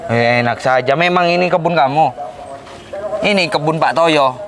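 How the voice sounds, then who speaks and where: A man's voice: on the high side, moderate pace, background noise. A man playing a bumbling, blustering bodyguard in a comedy skit. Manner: blustering, comic. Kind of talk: amateur comedy skit acting.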